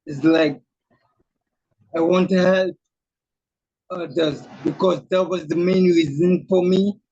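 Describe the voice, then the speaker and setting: A man with a tremor in his voice tells his story with slow, deliberate care. His tone sits a little high and raspy. The sound comes through a dull, lo-fi video call. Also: steady tone, darkish tone, no echo. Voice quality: voice shakes from throat muscle tremor. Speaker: author guest. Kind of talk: personal testimony in an interview. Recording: muffled lo-fi call audio.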